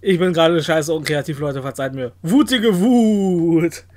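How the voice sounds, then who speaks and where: A man gives playful gameplay commentary on a let's play, bantering with the characters and making silly exclamations. He speaks briskly in a steady, fairly high-pitched voice.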